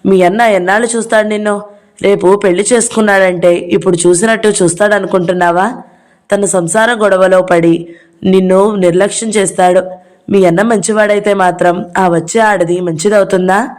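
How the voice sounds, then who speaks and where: A smooth-talking husband pleading his case in an audio novel, read by a woman. he coaxes and lectures by turns, persuasive but self-serving. the voice stays close to the reader's own, with no strong acting. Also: mid-range voice, fairly even intonation, normal speed, darkish tone, natural voice. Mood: coaxing. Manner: coaxing, lecturing.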